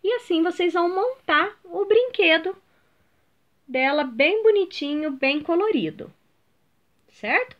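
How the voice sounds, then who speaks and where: A woman's voice: very high voice, animated, unhurried, long pauses, lo-fi sound. A Brazilian Portuguese-speaking woman teacher giving a video lesson to schoolchildren, patiently sounding out words and checking that her pupils follow along. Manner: explains step by step, checks in with "ok?" and "entenderam?".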